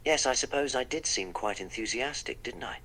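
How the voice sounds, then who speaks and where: The poorly recorded voice is a man's, mid-range, brisk, bright and forceful. He's performing the Doctor, a wry and polite eccentric time traveller, in a text-to-speech role-play where he describes his own actions.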